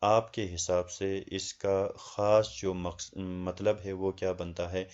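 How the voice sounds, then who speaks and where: Very low-voiced man explaining slowly. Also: little pitch movement, darkish tone, clear, resonant tone, muffled recording. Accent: Pakistani Urdu. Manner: explains slowly with many hesitations, reads questions aloud in English. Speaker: teacher. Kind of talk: lecture on a research assignment.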